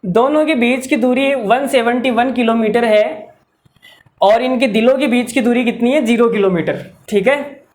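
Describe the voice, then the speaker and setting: A man's voice: extremely high pitch, moderate pace. A man teaching a maths video lesson, chatty and playful, breaking into jokes between the working steps. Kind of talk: video lesson with comic asides.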